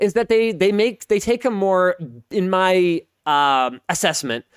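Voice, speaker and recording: A Canadian man in his thirties hosts a casual podcast, speaking in a high, slightly slow voice with a clean tone and studio-quality sound free of room noise. He rambles, interrupts himself, and repeats words, and he says his speech has a Pacific Northwest flavor.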